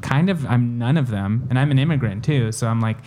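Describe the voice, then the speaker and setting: A young man from El Salvador in casual conversation, talking reflectively with many pauses and fillers. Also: medium pitch, darkish tone. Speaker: conversation partner. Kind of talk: casual chat.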